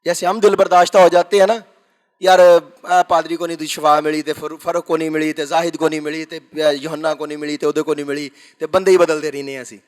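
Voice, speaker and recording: High-voiced man preaching a tinged sermon. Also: level tone. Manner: preaching with rhetorical questions to the congregation; swings between loud emphatic bursts and low quiet asides. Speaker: pastor.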